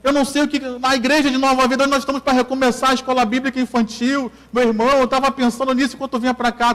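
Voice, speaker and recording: The big-room sound of a church hall surrounds a Brazilian pastor with a Carioca accent as he delivers a sermon. His voice is very high and fairly bright, and he repeats key lines while questioning the congregation.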